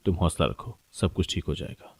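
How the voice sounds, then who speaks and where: A man's voice: sits low, darkish tone, no echo. A man reading as a protective, worried husband. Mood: earnest.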